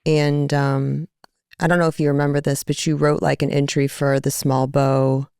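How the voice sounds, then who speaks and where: A woman comedian speaking as a podcast guest, wry and quick to joke. Her voice has a gravelly, creaky edge at a middle pitch. The recording is dry and close. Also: little pitch movement, darkish tone, no echo. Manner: wry, joking. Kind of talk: casual conversation.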